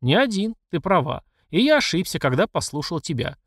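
A man's voice: fairly high pitch, big pitch swings, brisk, a bit bright, dry recording, studio quality, pitched above the performer's own voice, heavily acted. A man voicing a furious middle-aged emperor who scolds and accuses his mother. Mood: angry. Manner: angry and accusing.

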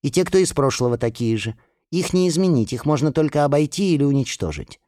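Man voicing a no-nonsense young woman, insistent, a bit higher, dry studio sound. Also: lively intonation, mellow, no echo, lightly acted. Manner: brisk, insistent explaining. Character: assertive, level-headed young woman who explains plans.

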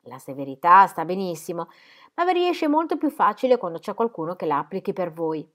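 A placid, good-humoured country parson who speaks calmly and reasonably, voiced by a woman reading in a low tone. It is read like a novel aloud. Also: brisk. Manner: placid, calm. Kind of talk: audiobook character reading.

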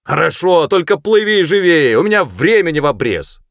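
A man voicing a gruff police sergeant who shouts orders across a river. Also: fairly low pitch, sing-song, moderate pace, no room sound, studio quality. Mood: shouting. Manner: loud shouting and commanding.

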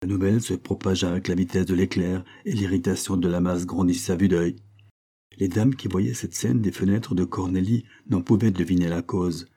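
A man reads a classic novel aloud in a low, mellow voice with a husky edge. His delivery is measured and expressive. He puts on the characters' voices while keeping the narration plain. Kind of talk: audiobook narration.

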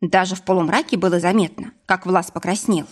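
A woman narrating a novel aloud, expressive and husky. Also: fairly low pitch, brisk. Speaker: audiobook narrator. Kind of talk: scripted narration.

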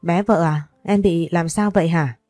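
Woman doing a jealous older guy, possessive, lowish mellow voice, bit of music behind. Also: moderate pace, no room sound, studio quality, close to an everyday voice. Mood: pleading.

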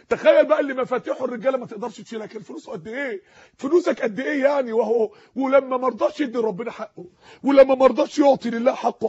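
A man's voice: very high voice, darkish tone, breathy edge, lo-fi sound. A man with an Egyptian accent preaching a sermon in a studio, impassioned and pleading, repeating phrases for emphasis. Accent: Egyptian Arabic.

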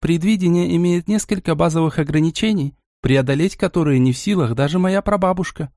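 A male narrator voicing a calm, gentle young princess who can see the future, speaking in a soft, mentoring tone. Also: on the high side, a little fast, dry recording, clean studio sound, pitched above the performer's own voice, close to an everyday voice.

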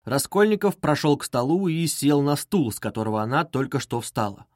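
A man narrating a classic novel as an audiobook in a measured, expressive way. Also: medium pitch, no room sound, clean studio sound.

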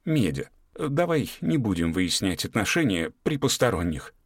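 A man's voice: lowish voice, very animated, moderate pace, no room sound, studio quality. A man voicing a sullen, drunk grown man with a grumbling way of talking.

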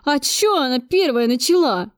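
A terrified young male worker who whimpers and whines through sobs, as a woman narrator plays him. His voice rises high and drags slowly. It is recorded dry and close. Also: expressive, warm tone, no echo. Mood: whimpering. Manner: sobbing, whining.

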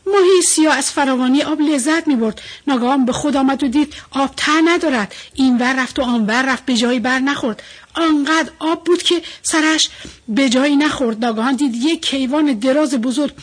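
A woman narrating a children's storybook in an expressive, measured reading. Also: high voice, poor audio.

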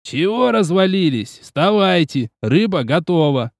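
A man's voice: high-pitched, very animated, measured pace, dry recording, exaggerated voice. A man voicing a stern male martial arts teacher in an audiobook, with a dry voice and curt, teasing commands. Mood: teasing threat.

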